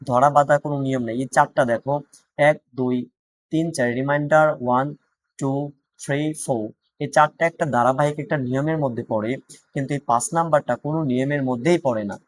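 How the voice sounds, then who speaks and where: A man's voice: medium pitch, fairly quick, no room sound. A man with a Bangladeshi Bengali accent teaching an English grammar class, repeating points and asking students check questions.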